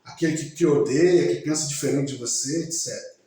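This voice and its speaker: A man giving a slow, emphatic religious talk, speaking directly to his listeners. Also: medium pitch, dark tone. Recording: very echoey room.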